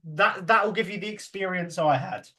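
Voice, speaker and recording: A man hosting a casual podcast chat. His voice sits high for a man, and he rambles, swears and laughs easily as he talks. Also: normal speed, bright, forceful tone, slightly rough. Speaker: podcast host.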